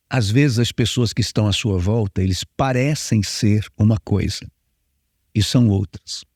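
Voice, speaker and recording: A Brazilian pastor preaches in a relaxed, conversational way, explaining with everyday examples and asking questions of his listeners. His voice sits at a middle pitch for a man and is recorded close and dry, with no room sound. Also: no echo. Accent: Brazilian Portuguese. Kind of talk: conversational sermon.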